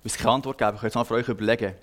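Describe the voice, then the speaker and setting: Earnest young Swiss preacher. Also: male voice, medium pitch, fairly even intonation, rapid-fire. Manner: earnest, conversational storytelling with frequent hesitations. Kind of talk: personal sermon.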